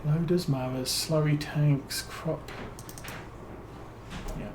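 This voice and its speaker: A British game streamer gives relaxed let's-play commentary, musing and thinking aloud with plenty of fillers. His voice is a little high and he takes it slowly, with background noise behind him.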